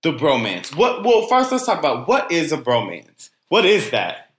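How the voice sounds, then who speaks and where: A man's voice: on the high side, huge pitch swings, slight background noise. Joking male podcast co-host, echoey room. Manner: loose, joking, drawn-out delivery. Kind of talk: casual podcast chat. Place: podcast studio.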